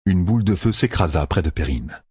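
Husky low guy reading a fantasy audiobook, really lively delivery, dry sound. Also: brisk, no echo. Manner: expressive storytelling. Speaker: narrator. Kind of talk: audiobook narration. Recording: dry close recording.

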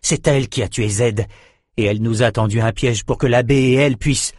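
Grave, firm man, read by the narrator, mid pitch, dry sound. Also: steady tone, brisk, a little mellow, no room sound, natural voice. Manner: firm, apologetic. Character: grave man delivering hard truths. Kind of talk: audiobook character voice.

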